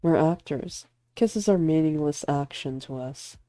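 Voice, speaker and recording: A woman's voice: low-pitched, unhurried, mellow, dry recording. Woman doing a smug, teasing rival actor. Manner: mocking, provocative, unbothered.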